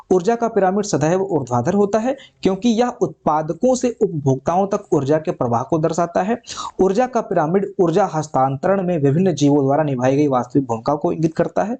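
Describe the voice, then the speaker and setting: A male teacher walks students through an exam prep lesson, returning to each point and checking in with them often. His voice sits a little high but sounds mellow and soft. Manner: repeats points, checks with "ठीक है". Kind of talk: online exam lecture.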